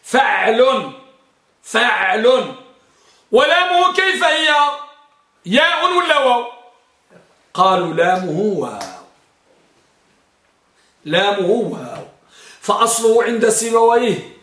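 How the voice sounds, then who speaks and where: High-voiced man quizzing a class. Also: expressive, unhurried, long pauses, fairly bright tone, reverberant. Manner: quizzes students, drags out words for emphasis. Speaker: teacher. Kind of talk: Arabic grammar lesson with question-and-answer drill.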